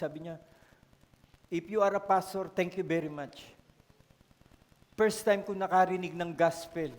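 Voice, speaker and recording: A male pastor with a Filipino accent preaching a sermon in a storytelling way, often calling out to the congregation. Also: high-pitched. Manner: storytelling, code-switching, asks the congregation for responses. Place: church hall. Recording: long church-hall reverb.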